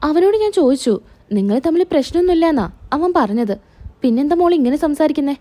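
A woman's voice: sits high, expressive, fast talker, dark tone, voice pushed up. A soothing middle-aged mother-in-law, read by a woman. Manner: soothing, reassuring.

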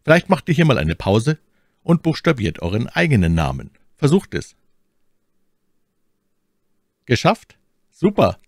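A man's voice: medium pitch, huge pitch swings, moderate pace, gravelly, no echo, studio quality. A man giving an instructional voice-over as a language teacher, speaking directly to learners.

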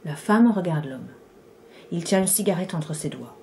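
Mellow-voiced woman reading literary prose. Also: fairly low pitch, expressive, a little hiss or hum. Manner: measured, unhurried. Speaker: author reading her novel. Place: Paris.

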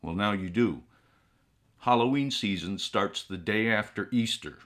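Man playing a slow, theatrical ghoulish horror host. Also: on the low side, a bit bright. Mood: droll. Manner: horror host: theatrical, drawn-out, droll delivery. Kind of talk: comic horror-host monologue to viewers. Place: small indoor room with collectible shelves.

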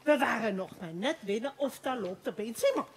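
Woman plays a high, lively, giggling gossip who rambles on breathlessly; amateur stage play with faint noise. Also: moderate pace, close to an everyday voice. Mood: excited gossip. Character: excitable gossiping woman townsperson.

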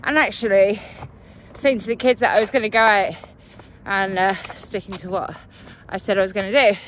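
Out of breath after running, a woman chats and rambles into a handheld phone for a casual vlog outdoors on a cold night. She has a medium-pitched, fairly bright voice with fairly even intonation and a moderate pace, with slight background noise.

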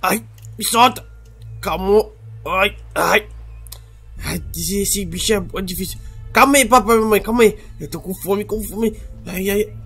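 A man's voice: high-pitched, unhurried, fairly bright tone, slightly rough, faint music behind, full character voice. A man voicing a hungry, clingy newborn creature hatchling that whines and repeats its words in a game role-play. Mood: hungry, whiny.

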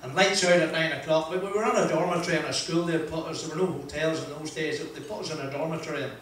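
In a large wood-panelled function room, an older man from Northern Ireland tells a seated audience a rambling, self-deprecating motivational anecdote through a handheld mic. His voice is slightly high, fairly bright and fairly even, and he's chatty, with lots of "uh" pauses and laughs. The distant, echoey recording carries a little hiss or hum.

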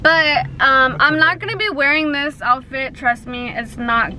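A woman's voice: high-pitched, unhurried, bright, forceful tone, slight background noise. A young woman vlogging casually from a car, giggly and rambling, with a slight lisp from retainers. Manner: giggly, rambling with many likes. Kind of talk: casual vlog chat.

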